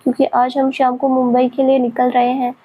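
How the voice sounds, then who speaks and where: A woman reading the lines of a teasing, possessive young male lover in a soft, low-key way. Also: monotone, fairly quick, narrow, tinny audio, a little hiss or hum, natural voice.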